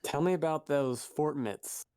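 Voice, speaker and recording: A man's voice: a little high, a little slow, a little mellow, smooth, dry recording, studio quality. A man co-hosting a podcast in casual chat, rambling and correcting himself as he goes. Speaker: podcast co-host.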